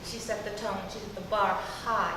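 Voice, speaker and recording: A woman speaking as a production consultant, measured and deliberate. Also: mid-range voice, fairly even intonation. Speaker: consultant to the director. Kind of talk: panel remarks. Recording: distant reverberant hall with noise.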